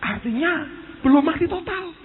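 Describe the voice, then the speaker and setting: A male pastor preaches with a high, lively voice that leaps up and down as he tells stories to his congregation. The sound is thin and tinny, with a faint hiss behind him. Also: moderate pace. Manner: animated storytelling, addresses the congregation as "saudara". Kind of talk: sermon.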